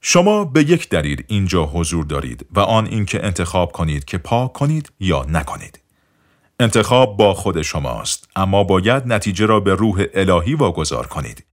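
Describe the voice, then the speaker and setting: A man with a lowish voice narrating an audiobook, measured and deliberate. His intonation is animated, rising and falling widely, and phrases often sink softer at their ends. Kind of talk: scripted narration.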